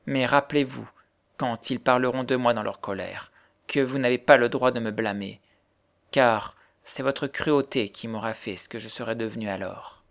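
Brief: a man playing a brooding young man, low and reproachful, in a storybook reading. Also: moderate pace, vocal fry, close to an everyday voice.

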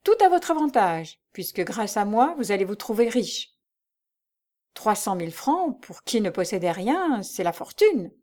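A woman's voice: medium pitch, big pitch swings, unhurried, warm tone. A woman reading aloud and voicing a jealous rich young woman who speaks in a cutting, commanding way and turns to tearful pleading. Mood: cold.

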